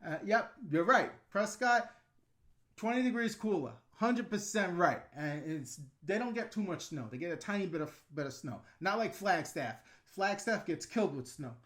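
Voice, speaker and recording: A middle-aged YouTube host from New York speaks at a moderate pace, his high voice bright and lively in intonation. Responding to live chat on his casual stream, he rants bluntly and leans on fillers.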